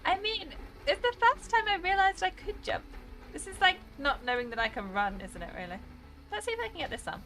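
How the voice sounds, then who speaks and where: A woman's voice: very high-pitched, big pitch swings, a little fast, pushed and bright, faint music behind, rough recording. Chatty British woman streaming a game. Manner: chatty, rambling, laughs often. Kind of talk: casual gameplay commentary.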